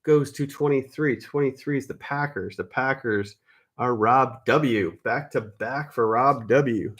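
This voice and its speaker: A man's voice: medium pitch, measured pace, fairly bright tone, slight background noise. A man hosting a live card break, chatting casually, calling viewers by name and fixing his own mix-ups.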